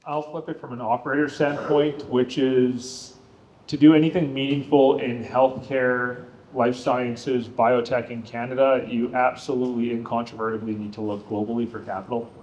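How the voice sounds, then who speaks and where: Biotech operator on a panel, man, monotone delivery, emphatic, faint hiss underneath. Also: mid-range voice, normal speed, highs cut off. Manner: emphatic, lists many examples. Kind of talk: panel discussion answer.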